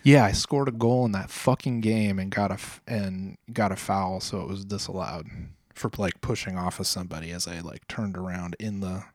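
Male co-host, 40s, laid-back and rambling, lower pitch, dry sound. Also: normal speed, few pauses, darkish tone, no room sound. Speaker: podcast co-host. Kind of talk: casual chat.

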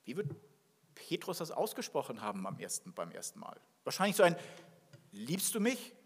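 This pastor's mid-range voice is gravelly, slightly rough and a little fast. He reads from scripture, then tells his story with animation, performing small dialogues, all under long hall reverb.

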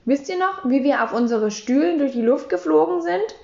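A woman reading a children's story, voicing a loud, excitable and boastful young schoolboy with eager, exclaiming lines. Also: high voice, moderate pace, vocal fry, roomy sound, muffled recording, voice pushed up. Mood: insistent.

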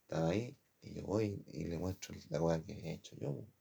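Gravelly deep-voiced Chilean man rambling. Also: fairly quick, warm tone. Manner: rambling, slangy, keeps addressing the listener as "compadre". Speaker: former design student. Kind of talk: casual personal storytelling.

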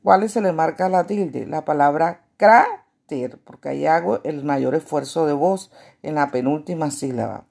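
A woman teacher giving a grammar lesson to children, explaining slowly and asking herself questions. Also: deep voice, gravelly, warm tone. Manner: slow, deliberate explaining with rhetorical questions.

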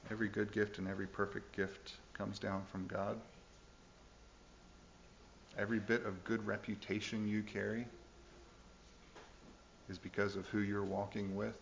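A man's voice: on the low side, flat delivery, normal speed, creaky, pauses often, lo-fi sound, slight background noise. A man preaching a sermon in an earnest, emphatic way, pressing the listeners with questions. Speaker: pastor.

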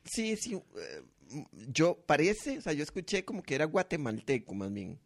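A Costa Rican man co-hosting a comedy podcast, chatty and animated. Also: fairly high pitch, moderate pace, vocal fry. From Costa Rica. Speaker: podcast co-host. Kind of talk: comedic casual chat.

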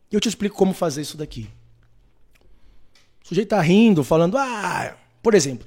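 A man from Brazil giving blunt, animated opinions straight to the listener, often mimicking the people he quotes. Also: fairly high pitch. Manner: animated, blunt, addresses the listener as "colega" and "meu filho"; acts out quoted people in mocking voices. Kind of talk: opinionated talk to camera.

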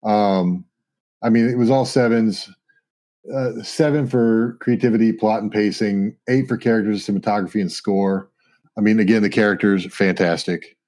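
A man's voice: lowish voice, steady tone, normal speed, a little mellow. A man co-hosting a podcast in a casual movie chat, talking enthusiastically and recounting scenes. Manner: enthusiastic, recounts scenes, often breaks into quoted lines. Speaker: podcast co-host.

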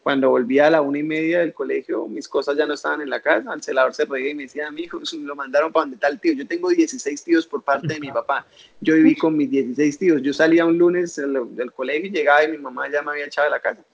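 A young man with a Colombian accent speaks as a guest in an interview, recounting his own life. His voice sits a little high and has a rough, gravelly edge. He tells it in an animated way and acts out the people he quotes, and the recording sounds dull and lo-fi. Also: fast talker. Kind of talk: personal life story in an interview.

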